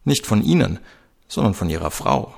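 A man voicing a female police chief inspector in a crime story read-aloud, asking brisk, matter-of-fact questions. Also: low voice, very animated, vocal fry, darkish tone, husky, exaggerated voice.

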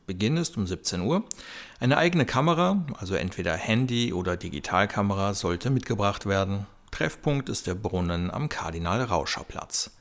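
A man's voice: deep voice, animated, moderate pace, few pauses. A man with an Austrian accent giving scripted narration and local announcements. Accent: Austrian German.

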